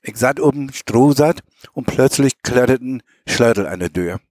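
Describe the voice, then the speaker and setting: Storyteller, male, strong Mecklenburg Low German accent, homely reading with small stumbles, dry close recording. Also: expressive, unhurried, darkish tone, no echo. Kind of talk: reading a memoir tale aloud.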